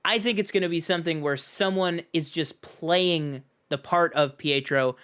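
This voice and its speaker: A man's voice: fairly high pitch, moderate pace, a bit bright, smooth. A man co-hosting a casual film review podcast, laying out his theories with lots of ums and you-knows. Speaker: podcast co-host.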